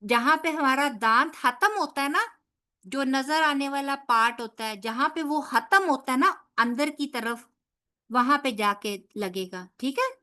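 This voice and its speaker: A woman's voice: high-pitched, bright, forceful tone. A woman teaching tajweed, patiently modelling letter sounds and checking that students follow. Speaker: Quran recitation teacher. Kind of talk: tajweed lesson.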